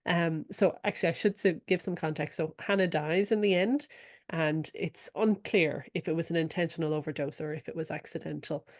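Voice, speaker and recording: A woman with a low voice hosts an interview. She speaks in a measured, attentive way and gives frequent soft murmurs of agreement. She frames her questions with careful context. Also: fairly even intonation. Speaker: interviewer, podcast host. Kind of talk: conversational interview.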